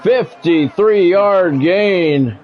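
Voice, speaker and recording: An American man whose voice sits high speaks extremely slowly, with some chatter behind him. He's doing live football video game play-by-play in short, clipped radio-sportscaster phrases and chatting casually with viewers on stream. The dull lo-fi mic also catches background music.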